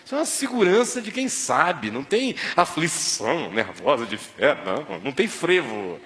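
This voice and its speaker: Brief: male preacher, slightly high voice, storytelling sermon, does the characters' voices, long hall reverb. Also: sing-song, moderate pace, fairly bright tone. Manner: acts out the voices of people in his story.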